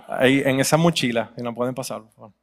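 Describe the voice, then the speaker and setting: A man preaching a Sunday sermon in a church, telling stories with humor and building to loud, emphatic peaks. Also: mid-range voice, normal speed. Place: church sanctuary. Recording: long hall reverb.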